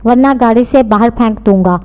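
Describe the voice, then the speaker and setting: A stern young man who snaps and scolds, read by a woman narrator in her own fairly high voice. His short lines ring out with a long echo. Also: brisk, dark tone, muffled recording, close to an everyday voice. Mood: irritated. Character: curt, easily irritated young man. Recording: long reverb.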